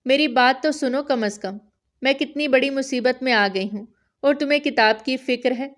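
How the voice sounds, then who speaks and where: A woman's voice: high-pitched, lightly acted. Woman doing a mischievous young wife. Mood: flustered. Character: playful mischievous young wife, teasing and fretful.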